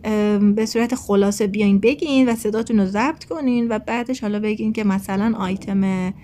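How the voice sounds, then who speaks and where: A woman from Iran teaching an English lesson online. She explains patiently with many fillers, slips English phrases into her talk, and clears her throat as her voice starts to go hoarse. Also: mid-range voice, steady tone, mellow, slight background noise.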